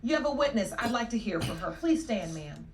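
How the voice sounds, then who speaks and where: A woman's voice: on the high side, very animated, fairly quick. A woman judge firmly questioning witnesses in a courtroom recording played from a court show. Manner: firm, probing questions. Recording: roomy courtroom with faint background noise.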